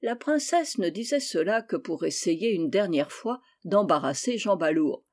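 A woman narrating a fairy tale as a volunteer audiobook reader, in a calm, even storytelling manner. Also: lowish voice, measured pace.

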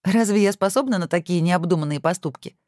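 A reader voicing a sharp-tongued young wife who teases her husband in mock-stern tones, in a storybook reading. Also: medium pitch, very animated, moderate pace, no echo, clean studio sound, voice pushed up.

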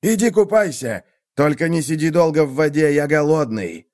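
A man's voice: a little high, lively intonation, normal speed, darkish tone, voice pushed up, natural voice. A man voicing a hungry, boastful male wolf who growls out threats, read as a storybook tale. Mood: blustering. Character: hungry, blustering male wolf, easily tricked.

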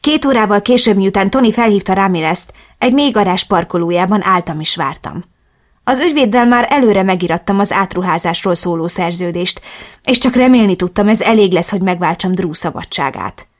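A woman reading a first-person novel aloud as audiobook narrator, in a steady, clear storytelling manner. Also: mid-range voice.

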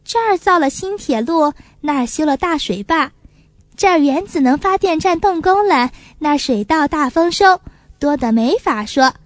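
A woman voicing a busy, kindly grown female magpie in a storybook reading, brisk and warmly teasing. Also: high voice, lively intonation, dry recording.

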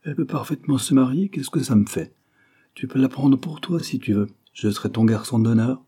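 A man's voice: medium pitch, fairly quick, warm tone, slightly rough, voice pushed up, lightly acted. Man voicing a sardonic young invalid, teasing. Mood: mocking. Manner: teasing, ironic. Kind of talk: audiobook character reading.

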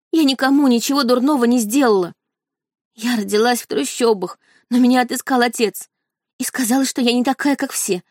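A woman's voice: a little mellow, dry recording, clean studio sound, lightly acted. A woman voicing a tearful, hysterical young woman who pleads and sobs. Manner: pleading, sobbing, high-strung.

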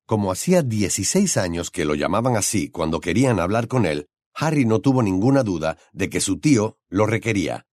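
A man narrating an audiobook in an expressive storytelling style. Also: lowish voice, brisk, dry recording, studio quality.

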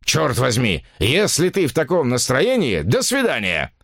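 A man's voice: medium pitch, huge pitch swings, measured pace, fairly bright tone, no room sound, studio quality, voice pushed up, heavily acted. A man voicing a cold, irritable writer who answers curtly and impatiently, in an audiobook story. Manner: curt, impatient.

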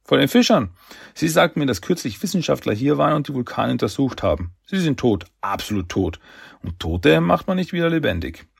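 A man's voice: mid-range voice, very animated, fairly quick, creaky, husky, no echo, clean studio sound, voice pushed up, full character voice. A man voicing a cocky young male turtle hero in a storybook reading, teasing and upbeat.

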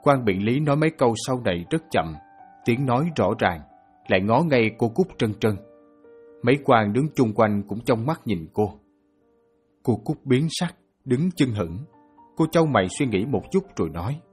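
A man narrating a novel as an audiobook in a steady storytelling manner. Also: mid-range voice, normal speed, slightly rough, faint music behind.

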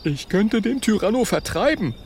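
A man's voice: high-pitched, big pitch swings, moderate pace, a little mellow, a little hiss or hum, pitched above the performer's own voice. A man voicing a feisty, eager young male dragon in a children's storybook.

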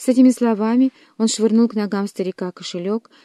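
Dark-voiced woman reading an audiobook. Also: on the high side, no room sound, studio quality. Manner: measured, dramatic reading. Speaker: audiobook narrator. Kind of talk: audiobook narration.

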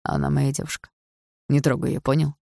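A woman voicing a confident young man who speaks calmly and with threat. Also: rumbling low, brisk, vocal fry, slightly rough, no room sound, clean studio sound, exaggerated voice. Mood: threatening. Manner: calm, threatening.

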